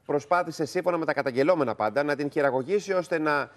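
Higher-voiced male news host. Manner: recapping a court case, prompting panelists by name. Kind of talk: studio news discussion.

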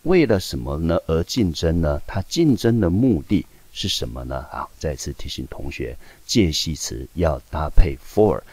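A man's voice: rumbling low, sing-song, measured pace, few pauses, a little mellow, slightly rough, no echo. A man teaching English in Taiwanese-accented Mandarin, explaining step by step and answering his own questions. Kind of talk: recorded classroom lesson. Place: high school teaching video.

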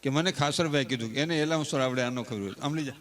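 A folk speaker with a fast, mid-range, slightly bright voice tells humorous folk stories to a live audience. His manner is chatty and teasing, full of homely sayings.

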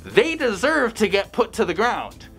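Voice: mid-range voice, huge pitch swings, measured pace, vocal fry, a bit bright, soft background music. A fursuiter giving blunt, chatty advice in a casual vlog, speaking through a costume head. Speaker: fursuiter vlogger.

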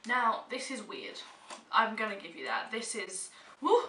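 Stuffed up with a cold, a young adult British vlogger runs through her monthly favourites to camera, casual but emphatic, from a small room at home. Her mid-range voice is very animated, unhurried, pushed and bright; the audio is echoey, distant-miked and faintly hissy.

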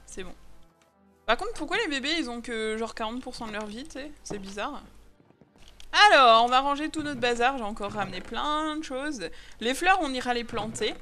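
A young woman commenting on her Minecraft game in a chatty, excitable way, often laughing and squealing. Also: fairly high pitch. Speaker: gaming video host. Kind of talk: Minecraft let's play commentary. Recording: faint music underneath. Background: faint background music.

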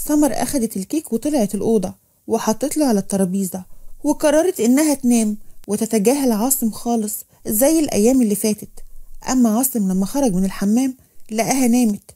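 An Egyptian woman reads a romance story aloud. She moves through it at a fast clip. Her voice sits a bit high and sounds dark and soft. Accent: Egyptian Arabic. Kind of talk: scripted story narration.

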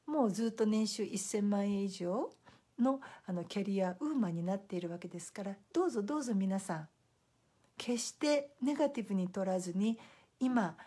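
A woman's voice: on the high side, slightly rough. A middle-aged woman, a simultaneous interpreter, chatting casually to live-stream viewers and telling stories with acted-out quotes. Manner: lively storytelling with acted-out quotes.

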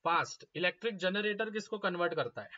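A young man teaching a live exam-prep class, repeating each question and urging students to answer fast. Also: high voice, lively intonation, sharp tone. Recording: slightly dull lo-fi audio.

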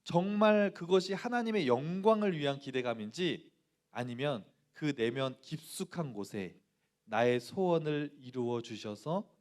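Preaching to students in a medium-pitched, somewhat mellow voice, a male pastor tells a personal story and asks the audience questions. When quoting dialogue, he performs each voice.

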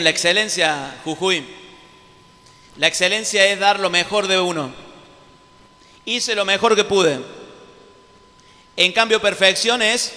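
A man with an Argentine Spanish accent preaching an animated sermon, acting out little scenes, his throat sore from the effort. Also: high voice. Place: large church hall. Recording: live sermon with long hall reverb.

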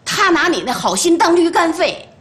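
A woman's voice: very high voice, very animated, normal speed, reverberant, slight background noise, full character voice. A bossy grandmother. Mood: stern. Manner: scolding, bossy, sharp-tongued. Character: bossy sharp-tongued grandmother scolding a child. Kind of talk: TV drama acting.

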